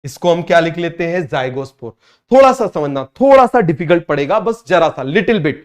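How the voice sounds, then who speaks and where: A man teaching a biology coaching class who repeats each point, keeps asking students to call out the answer, and drawls key English terms slowly. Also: fairly high pitch, big pitch swings.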